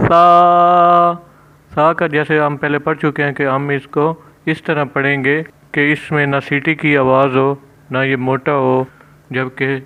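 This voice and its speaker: With a Pakistani Urdu accent, a man teaches the sounds of Quranic letters step by step, stretching and stressing each letter between plain explanations. His voice is a little high, clear and resonant, though the lo-fi recording sounds dull.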